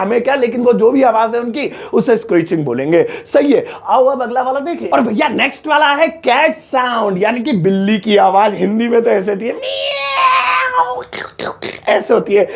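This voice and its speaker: A man's voice: sits high, vocal fry, a little mellow. A man giving a playful, jokey spoken English lesson, now and then mimicking animal sounds. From India. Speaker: English teacher.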